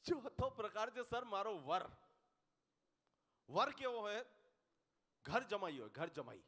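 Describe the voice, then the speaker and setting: Gujarati stand-up man with a high voice, speaks straight to the crowd, ringing hall reverb. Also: slow. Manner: animated, puts on voices of the people in his jokes, talks straight to the audience. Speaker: stand-up comedian. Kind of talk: Gujarati stand-up comedy on stage. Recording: live hall with long reverb.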